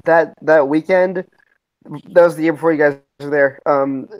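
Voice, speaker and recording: A man's voice: on the high side, no room sound, poor audio. A young man co-hosting a podcast, telling stories in a rambling way with many restarts. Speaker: podcast co-host. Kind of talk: casual chat.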